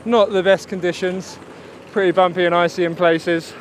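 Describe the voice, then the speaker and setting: A man's voice: sits high, steady tone, moderate pace. A man snowboarding down a slope and commenting casually on an action camera, with short breathless exclamations and self-mocking remarks. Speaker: vlogger snowboarding. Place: outdoors on a ski slope. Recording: loud wind noise on camera mic.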